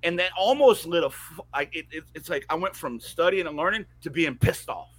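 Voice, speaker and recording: Man, guest storyteller, frank and salty-mouthed, bright forceful tone. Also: on the high side, lively intonation, a little fast. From American South, mountains. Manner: candid, profane, restarts often. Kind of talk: personal storytelling in conversation.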